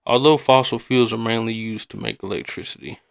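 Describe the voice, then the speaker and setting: A man's voice: medium pitch, steady tone, brisk, creaky. A man hosting a podcast in a casual, rambling, colloquial way, often repeating himself. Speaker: podcast host.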